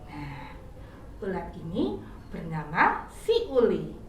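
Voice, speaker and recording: A woman teacher telling a devotional story to children in a slow, clear storytelling manner. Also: on the low side, wildly swooping pitch, a little hiss or hum. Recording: echoey room, from far off.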